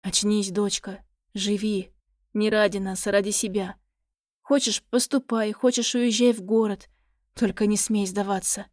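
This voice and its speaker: A woman's voice: mid-range voice, no echo, clean studio sound, natural voice. A woman voicing a hot-tempered remorseful father. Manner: pleading, then shouting.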